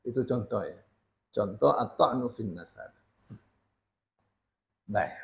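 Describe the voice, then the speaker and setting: An Islamic teacher gives a spoken religious lesson, reading Arabic passages and then explaining them, and often tags his sentences with "ya." His voice is fairly low, gravelly and animated, delivered at a slow pace on a dull lo-fi recording.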